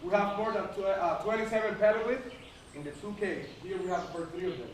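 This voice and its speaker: A man's voice: sits high, fast. A man guiding a group through a cave, explaining things and often checking in with "okay". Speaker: tour guide. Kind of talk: guided tour explanation to a group. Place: inside a cave. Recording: echoing cave, distant mic, noisy.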